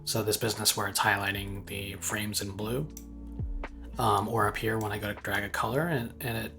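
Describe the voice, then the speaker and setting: A man walking through his game engine code live, thinking aloud in a halting way with frequent ums and restarts. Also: fairly low pitch, fairly even intonation, music in the background. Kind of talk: live coding walkthrough.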